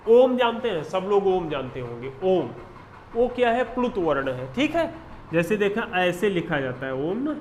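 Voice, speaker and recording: A man's voice: high voice, roomy sound, slight background noise. A male teacher giving an exam-prep lecture, asking questions and answering them himself, spelling out definitions word by word. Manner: drills terms with questions and answers to students.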